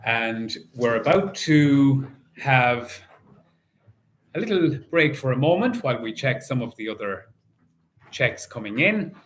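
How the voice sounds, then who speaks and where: With a mid-range, slightly bright voice, a male bingo caller sings out the numbers using set phrases. Each call gets repeated in his measured, sing-song delivery.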